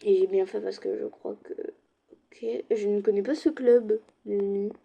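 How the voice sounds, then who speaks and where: A young woman chatting casually to her viewers while playing an online game, with quiet murmured asides. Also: medium pitch, steady tone, unhurried, gravelly, slightly rough. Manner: chatty, addresses viewers directly, slips into soft asides. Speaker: gaming streamer. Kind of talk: casual let's-play commentary.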